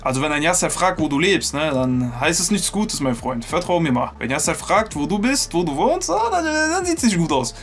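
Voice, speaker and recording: A man in a reaction commentary, moralizing in a preachy, indignant tone. His voice sits somewhat high. He talks straight at the viewer as if he were scolding someone. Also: very animated, moderate pace, hardly any pauses, a bit bright.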